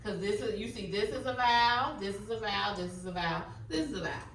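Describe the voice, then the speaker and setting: A woman elementary school teacher leading a phonics lesson in a classroom with quiet, calm authority, firm and instructive. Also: medium pitch, quick pace. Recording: distant mic, echoey room, faint noise.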